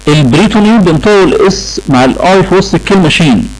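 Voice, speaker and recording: A man's voice: sits high, lively intonation, racing, poor audio. A man with an Egyptian Arabic accent lecturing a class on English pronunciation, repeating key points and checking in with the students. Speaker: English teacher.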